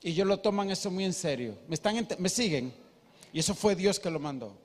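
High-voiced pastor preaching. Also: male voice, expressive, a little fast. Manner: emphatic, questions the congregation. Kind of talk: sermon. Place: church. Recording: echoey church hall.

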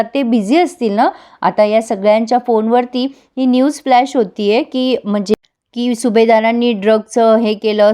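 A woman's voice: fairly high pitch, mellow. A woman reviewing a TV serial, retelling the episode and quoting each character's lines in turn while speaking to viewers.

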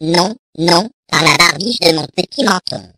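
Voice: medium pitch, measured pace, pushed and bright, no echo. A reader voicing a clever little pig in a storybook reading, answering with stubborn, cheeky replies.

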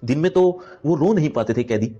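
Male teacher, dark mellow voice, slightly dull lo-fi recording, reads verse then explains. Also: fairly high pitch, lively intonation, brisk. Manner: reads verse lines aloud, then explains them simply with many fillers. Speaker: Hindi teacher. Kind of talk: explaining a poem line by line.

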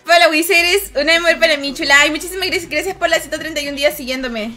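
A woman's voice: high-pitched, fast, pushed and bright, soft background music. A woman streaming a game, chatting and joking with viewers and reacting to the play. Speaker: gaming streamer. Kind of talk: casual livestream chat while gaming.

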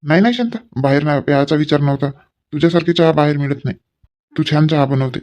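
Village husband, kinda high voice, sweet-talking his wife, dull lo-fi sound. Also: quick pace, a little mellow. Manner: coaxing, placating, rustic banter. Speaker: sketch actor playing a village husband. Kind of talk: comic village sketch dialogue.

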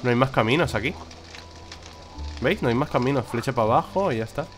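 A man's voice: medium pitch, fast. A young man with a Spain Spanish accent giving chatty let's play commentary and swearing when he gets frustrated. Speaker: gaming video creator. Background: game music.

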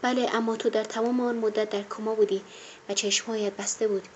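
A woman's voice: a little high, fairly even intonation, close to an everyday voice. A patient hospital doctor, read by a woman narrator. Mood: reassuring. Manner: patient, reassuring. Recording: dull lo-fi audio with faint hiss.

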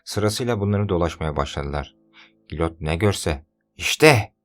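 A man narrating an audiobook in a steady, measured reading. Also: rumbling low, faint music behind. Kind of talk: scripted narration.

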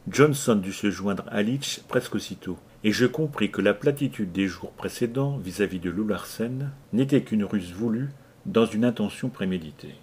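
Husky low-voiced male reader. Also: normal speed, a little mellow. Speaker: audiobook reader. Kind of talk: scripted narration.

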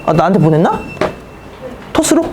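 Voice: mid-range voice, big pitch swings, normal speed, background noise. A math teacher in their thirties giving a casual classroom lecture, blunt and teasing with the students.

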